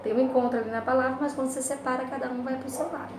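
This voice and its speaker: A patient Brazilian woman teacher with a high, steady voice gives a remote class from a room at home, explaining grammar exercises in a Brazilian Portuguese accent. She checks in with tag questions and spells out syllables slowly. The recording sounds echoey, roomy, and distant, with loud background noise.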